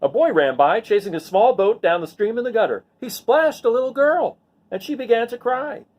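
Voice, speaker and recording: At a moderate pace and a very high pitch, a man gives an expressive read-aloud of a picture book, acting out the lines and tossing in casual asides.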